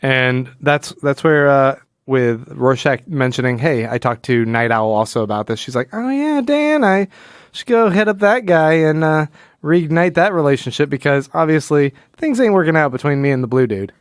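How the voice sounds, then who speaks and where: Expressive and smooth, this fairly high male voice moves at a normal speed in clean studio sound without room sound. He's a podcast host chatting casually and analytically about comics, acting out quotes during his retelling.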